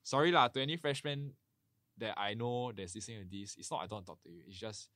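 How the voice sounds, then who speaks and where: A young Singaporean man speaks casual Singlish in a slightly low voice. He comes across as a student in a relaxed group discussion, recorded dry. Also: fast, no echo. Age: young adult. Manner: Singlish with local particles. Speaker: university student on a podcast.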